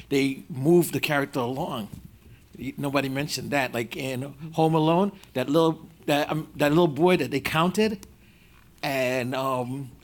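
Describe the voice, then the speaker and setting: A man from the audience asking a question in a halting, wandering way with many fillers. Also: mid-range voice, a little hiss or hum. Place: auditorium audience.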